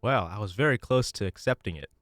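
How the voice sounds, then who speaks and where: A man's voice: fairly low pitch, lively intonation, fast, a bit bright, dry recording. A man from Virginia guesting on a comedic radio show, telling a tall tale with a straight face into a studio microphone. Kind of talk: comedic radio interview bit.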